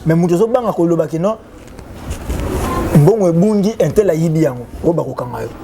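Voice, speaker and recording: Congolese man explaining with animated delivery. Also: fairly high pitch, brisk, vocal fry, noisy background. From Democratic Republic of the Congo. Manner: animated, mixes reading clauses aloud with loose explanation. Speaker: guest explaining the constitution. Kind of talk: explanatory talk-show chat.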